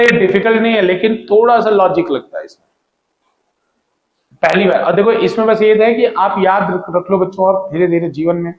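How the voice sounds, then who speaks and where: A man's voice: high-pitched, muffled recording. A man teaching physics in a classroom-style lecture, repeating key points and asking students questions as he goes. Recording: echoey room.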